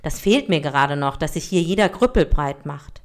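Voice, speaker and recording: Storybook part: an ungrateful blind man, gruff, voiced by a woman. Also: low-pitched, expressive, normal speed, voice pushed down. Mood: harsh. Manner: pleading and gruff. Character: blind man, pleading then ungrateful and harsh.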